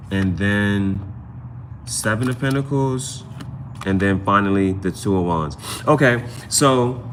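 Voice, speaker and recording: Giving advice in a relaxed live tarot session he hosts, this man keeps repeating himself and adding "you know what I'm saying." His voice sits on the low side with a fairly bright tone, against slight background noise.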